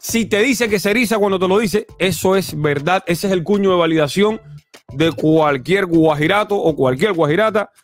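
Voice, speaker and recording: A man with a Cuban accent hosting a casual commentary livestream, animated and talkative, swinging between loud exclamations and low mutters. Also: moderate pace, soft background music. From Cuba. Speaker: host.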